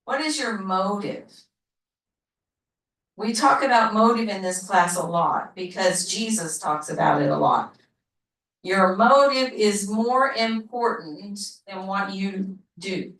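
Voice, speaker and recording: A woman teaching a Bible study class, talking slowly, repeating herself and asking the class questions. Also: medium pitch, fairly bright tone, recorded from a distance. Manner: slow, repetitive, asks the class questions. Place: church classroom. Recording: roomy, from off mic.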